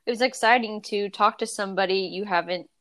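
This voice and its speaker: A woman's voice: mid-range voice, a little fast, fairly bright tone. A young woman co-hosting a casual chat podcast, rambling with many restarts and filler words. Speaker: podcast co-host.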